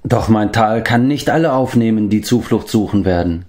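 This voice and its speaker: A man voicing a wise, grave old man who watches over the animals, in a measured, stately storybook manner. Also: lowish voice, a little mellow, lightly acted.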